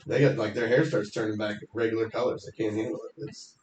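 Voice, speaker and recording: A man's voice: lowish voice, steady tone, quick pace, darkish tone, roomy sound, slight background noise. A man, a stand-up comedian guest, telling rambling, sarcastic stories in a casual interview chat. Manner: rambling storyteller, jokey and sarcastic.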